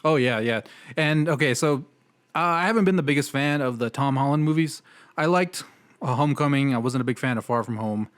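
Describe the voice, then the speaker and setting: A man's voice: mid-range voice, a little fast, clean tone. Young guy hosting a movie podcast, chill and self-deprecating, lots of ums and laughs. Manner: relaxed, self-deprecating, frequent laughs and fillers. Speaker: podcast host. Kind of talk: casual movie review chat.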